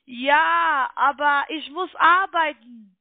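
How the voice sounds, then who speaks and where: A call center trading sales caller, a high-pitched woman with a foreign accent whose first language is not German, makes a slow telephone sales pitch as a non-native speaker. She sounds congested from a cold, and her voice comes through a muffled, band-limited thin phone line with no echo.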